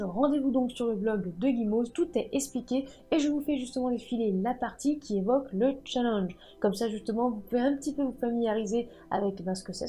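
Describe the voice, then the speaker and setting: A woman hosting a writing and book channel, talking in a lively, chatty way and often joking about herself. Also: on the high side. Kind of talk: casual chatty video talk.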